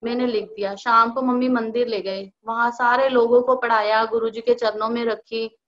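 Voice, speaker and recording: Young woman, high voice, animated storytelling, acts out quoted dialogue, dull lo-fi sound. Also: moderate pace. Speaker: devotee sharing a personal experience. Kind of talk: casual spoken testimony. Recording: dull lo-fi recording.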